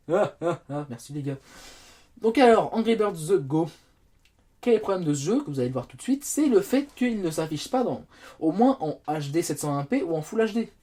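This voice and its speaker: A man's voice: high voice, mellow, breathy edge. A man reviewing a phone, chatting casually while he plays games on it, with self-mocking asides. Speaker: tech reviewer. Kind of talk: casual game-testing commentary. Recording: faint background noise.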